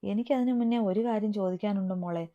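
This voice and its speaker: A woman's voice: mid-range voice, fast talker, close to an everyday voice. A woman voicing a stern, protective young man who is an older brother, in a dull lo-fi recording. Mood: calm. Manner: stern, raises voice in anger.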